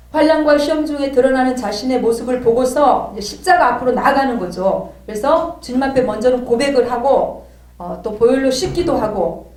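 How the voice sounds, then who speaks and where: A woman teaching a church theology class, telling a personal story and acting out the dialogue with lively energy. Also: on the high side. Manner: animated storytelling, acts out quoted dialogue. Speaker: theology lecturer. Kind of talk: church lecture with personal example. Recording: roomy, distant mic.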